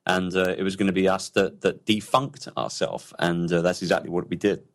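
A man with a notably deep, low voice talks as an interview guest. He is enthusiastic and loose, circling back and restarting his sentences as he goes. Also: fairly even intonation, a little fast. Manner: enthusiastic, rambling with many restarts. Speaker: entrepreneur guest. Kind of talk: casual interview talk.

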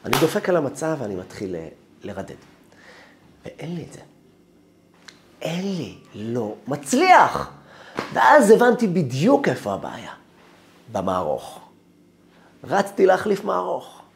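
A man's voice: a little high, wildly swooping pitch, vocal fry, pauses often. A man, a rabbi, telling a first-person story as part of a sermon.

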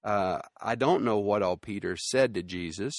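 A man delivers a sermon in a relaxed, conversational way, repeating key phrases for emphasis and pausing on fillers as he thinks. His voice sits fairly low, and the recording is dry and close. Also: no echo. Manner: conversational teaching with frequent fillers and restarts; emphatic repetition. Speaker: preacher.

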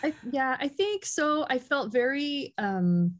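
A woman's voice: high voice, lively intonation, slow. An American woman telling personal stories as a podcast guest in a casual, effusive way. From United States. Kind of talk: casual, chatty personal storytelling.

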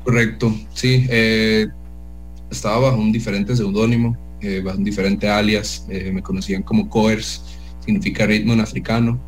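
A man, a DJ guest in a casual radio interview, talking hesitantly with many pauses and restarts. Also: fairly low pitch, level tone, faint music behind, rough recording. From El Salvador.

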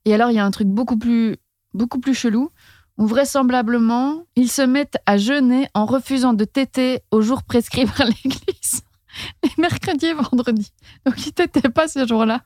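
A woman's voice: a little high, normal speed, darkish tone, no echo, clean studio sound. A woman hosting a casual comic storytelling chat, talking loosely with slang and laughing as she goes. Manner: chatty, laughs while telling, slangy. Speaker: storyteller host.

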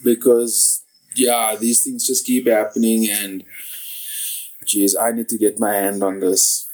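Male podcast host on an echoey call app, mellow voice, halting and rambling. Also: on the low side, little pitch movement. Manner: halting, rambling, many restarts. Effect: echo on his voice from a call app. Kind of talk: casual interview chat. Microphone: online call app.

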